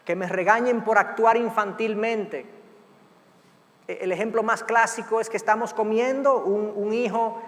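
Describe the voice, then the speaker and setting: A middle-aged male pastor giving an animated sermon, acting out parents and children in quick asides. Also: high voice. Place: large church hall. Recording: long hall reverb.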